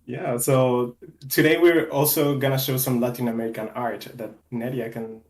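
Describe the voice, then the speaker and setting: A man from Mexico, a game developer who talks enthusiastically and deliberately on a casual livestream. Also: medium pitch, fairly even intonation. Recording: roomy echo.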